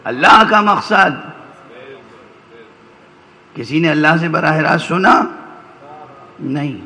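A man's voice: a little high, animated, pushed and bright, poor audio. A man giving a religious lecture to a gathering, explaining step by step and checking in with listeners through short rhetorical questions. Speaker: religious scholar addressing a majlis.

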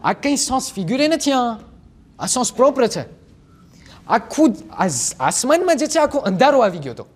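A teenage boy preaching a sermon to a gathering, his voice swooping up and down as he tells the story. He asks his listeners question after question in an animated, storytelling manner. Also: very high-pitched, normal speed, breathy edge. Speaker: majlis preacher.

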